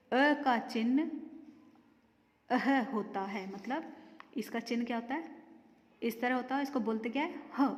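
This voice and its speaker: Slow, echoey woman teaching children. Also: on the high side, darkish tone. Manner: slow, deliberate, spells out each example word. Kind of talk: Hindi grammar lesson for children. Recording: echoey room with long reverb.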